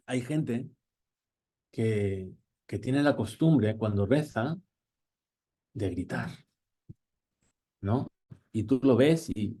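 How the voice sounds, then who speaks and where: A man, a rabbi, giving a Torah class, asking questions as he goes and quoting Hebrew phrases, often pausing to restart. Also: medium pitch, a little mellow. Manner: teaching with questions and Hebrew quotes; frequent hesitations and restarts.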